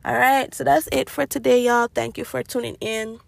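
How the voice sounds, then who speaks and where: A woman's voice: a little high, steady tone, normal speed, gravelly, no echo. A woman hosting a casual solo podcast, chatty and rambling, laughing often and stretching out her greetings. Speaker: podcast host.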